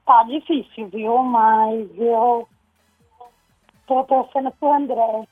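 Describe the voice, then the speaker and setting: A woman's voice: fairly high pitch, fairly even intonation, slow pace. A woman calling in to a radio show over the phone, giving blunt, opinionated views in casual chat. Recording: tinny phone line, faint music.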